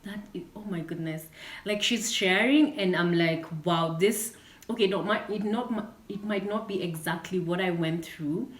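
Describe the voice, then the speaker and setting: A woman's voice: medium pitch, normal speed. Eager woman podcast host, a bit distant. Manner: eager, with constant backchannel "wow" and "yeah". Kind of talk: conversational podcast interview. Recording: echoey, distant from the mic.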